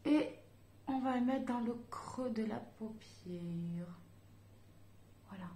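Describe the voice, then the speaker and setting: Slow and mellow, with a slightly high voice, a woman chats her way through a makeup tutorial as a beauty vlogger. Her talk to viewers is casual, hesitant, and packed with fillers, recorded in an echoey room.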